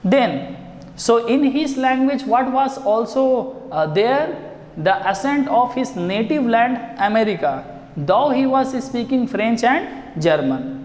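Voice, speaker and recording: A man with an Indian accent, teaching an English story line by line and asking his students questions. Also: very high voice. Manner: explains line by line, asks students rhetorical questions. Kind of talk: classroom lesson explaining a story. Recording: echoey room with long reverb.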